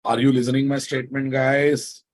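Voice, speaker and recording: A man's voice: medium pitch, little pitch movement, normal speed. A man with a Telugu Indian accent teaches programming to a class, speaking emphatically, repeating phrases and prodding listeners with questions. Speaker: software teacher. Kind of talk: live programming lecture to a class.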